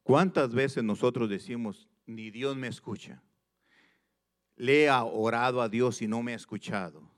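A man preaching a sermon, reading scripture slowly and with emphasis, repeating phrases and putting questions straight to his listeners. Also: mid-range voice. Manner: addresses listeners directly with questions.

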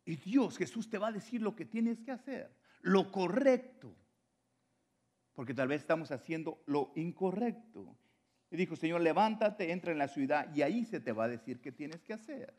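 A male preacher delivering a sermon in a somewhat high voice with a very lively, animated pitch. He swings between loud exhortation and sudden quiet drops. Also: moderate pace.

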